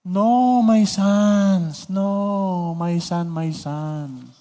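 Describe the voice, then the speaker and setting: A man voicing an old, gentle priest who pleads softly and slowly with his sons. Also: high voice, big-room sound. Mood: sorrowful pleading. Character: old gentle male priest, sorrowful father.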